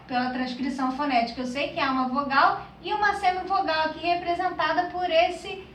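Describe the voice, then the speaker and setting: A woman's voice: high voice, sharp tone. A woman teacher from Brazil explaining a grammar lesson, checking in with her class through constant tag questions. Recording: echoey room, voice a bit far from mic.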